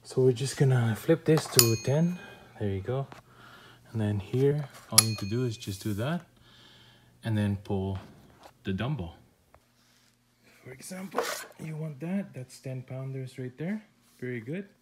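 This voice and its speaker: A man with a mid-range voice casually comments as he unboxes and tests adjustable dumbbells, repeating short stock phrases. He's a product reviewer speaking at a measured pace with frequent pauses, indoors in a room with foam floor mats, and the recording is very noisy.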